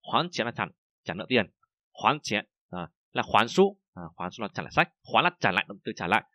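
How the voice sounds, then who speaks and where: A man with a Vietnamese accent teaching a language lesson, reading example sentences slowly and then explaining them in a casual, chatty way. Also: on the low side, sing-song, bright, forceful tone, dry recording. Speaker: Chinese teacher.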